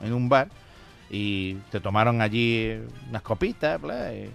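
A man's voice: lowish voice, a little slow, vocal fry, faint music behind. A man telling jokes on a radio show, acting out the characters in his stories. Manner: animated storyteller, voicing characters in the jokes. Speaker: radio joke teller.

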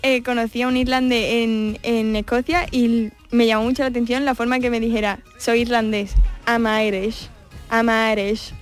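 A woman with a somewhat high voice chatting on a radio show, eagerly agreeing and sharing her own anecdotes, with faint music behind her. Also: level tone, brisk, hardly any pauses. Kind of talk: casual radio chat.

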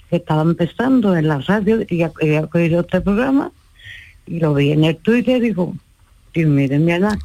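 A woman's voice: on the low side, a little mellow, no echo. A woman calling in to a live radio show over the phone, chatty and grateful, repeating words as she searches for them. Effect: heard over a phone line. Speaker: radio call-in listener.

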